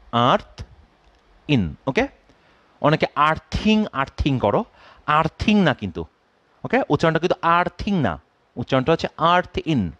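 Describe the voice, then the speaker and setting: A man's voice: fairly high pitch, no room sound, lo-fi sound. A man giving a physics class, checking in with students and dropping English phrases into his explanations. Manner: asks students constant check-in questions; drawing and counting aloud at a board. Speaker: physics teacher. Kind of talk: classroom lecture.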